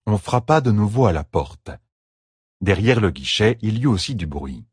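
A male audiobook narrator with a low, husky voice who reads in an even, measured way. The close studio mic captures a dry sound with no room around it. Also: no room sound. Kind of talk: scripted narration.

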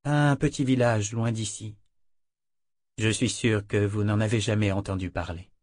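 A man voicing a calm, quietly menacing young woman traveler. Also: on the low side, dry recording, studio quality, close to an everyday voice. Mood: cool. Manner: slow and cool.

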